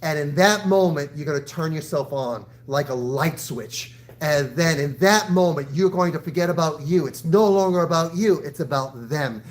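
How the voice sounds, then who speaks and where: A man's voice: a little high, moderate pace, few pauses. A man in his sixties, a karate instructor, talking to his class in an encouraging, direct coaching style. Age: 60s. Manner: encouraging, addressing students directly. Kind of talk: live fitness class coaching and motivational talk.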